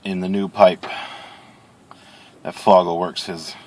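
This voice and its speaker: A man chatting casually as he reviews products on video, rambling along in an unhurried way with pauses. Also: sits low, level tone. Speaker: pipe-smoking video reviewer.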